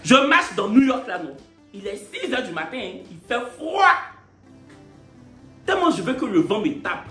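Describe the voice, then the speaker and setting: A man telling a story in a playful, animated way and laughing often. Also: sits high, fairly quick, echoey room, faint music behind. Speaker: vlogger. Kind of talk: casual storytelling.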